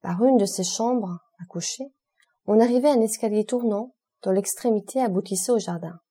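A woman narrating a classic novel as an audiobook, measured and expressive. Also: medium pitch, husky.

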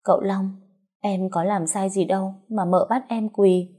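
A woman's voice: medium pitch, fairly even intonation, a little slow, warm tone, close to an everyday voice. A woman voicing a sly young woman who speaks sweetly and pitifully. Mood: plaintive. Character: falsely meek young concubine, sly.

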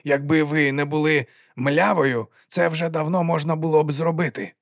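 A man's voice: fairly high pitch, little pitch movement, moderate pace, creaky, dry recording, clean studio sound, voice pushed up. A man voicing a curt, demanding male official. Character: cold commanding male auditor in grey.

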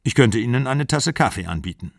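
A man reading the lines of a guarded, defensive aging man who talks in a calm, polite way. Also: mid-range voice, a little fast, gravelly, no echo, studio quality.

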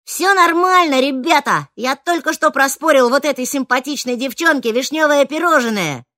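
Narrator putting on a cheeky bragging teen boy, loud and bouncy, lively pitch, dry close sound. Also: moderate pace, husky, no echo, full character voice. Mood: teasing. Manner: loud, teasing, excitable. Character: cheeky, boastful, carefree teenage boy.

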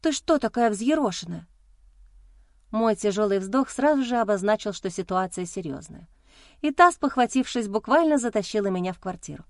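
A woman narrating a first-person story in an expressive, emotional way. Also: medium pitch, brisk, no room sound, studio quality.

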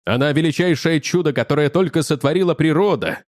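A man reading an audiobook and voicing a lovestruck young man in a low, slow, gushing voice. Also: dry recording, clean studio sound, close to an everyday voice. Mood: defiant.

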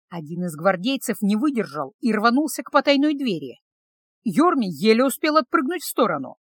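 A woman narrating a fantasy audiobook in a steady storytelling voice. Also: a little high, no room sound.

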